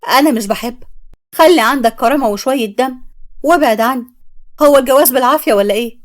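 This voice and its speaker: A woman voicing an angry young bride, speaking with an Egyptian accent in a sharp, defiant way. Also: sits high, a little fast, close to an everyday voice. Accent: Egyptian Arabic.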